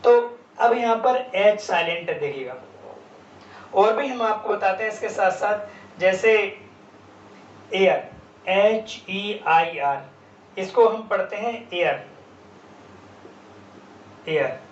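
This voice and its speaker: A man's voice: high voice, expressive, slow pace, long pauses. A male English teacher giving a classroom grammar lesson, spelling words out letter by letter and answering his own questions. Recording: roomy, distant, dull lo-fi sound with faint background noise.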